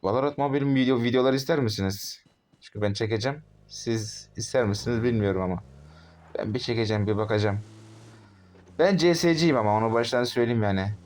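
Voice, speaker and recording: A man in his twenties giving live gameplay commentary as a gaming YouTuber, talking to himself and his opponents and bursting into frustrated shouts. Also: medium pitch, fast. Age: 20s. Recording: game gunfire and clicks behind voice. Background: gunshots and game sounds.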